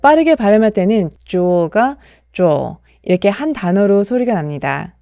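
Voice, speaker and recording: Animated and mellow yet a bit gravelly, this young woman teaches English pronunciation at medium pitch and normal speed. She works from a script, repeating model words carefully with explanations between them, in a dry recording.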